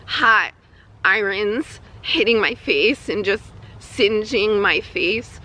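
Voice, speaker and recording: A woman talks casually to her viewers in a personal vlog recorded outdoors. Her voice is weak and strained from a troubled throat, with a bright, tense edge. She speaks haltingly, pausing partway through sentences. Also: mid-range voice, low-quality recording. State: throat spasms with coughing and throat clearing. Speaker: vlogger. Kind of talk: personal health update vlog, casual talk. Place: outdoors on a hike.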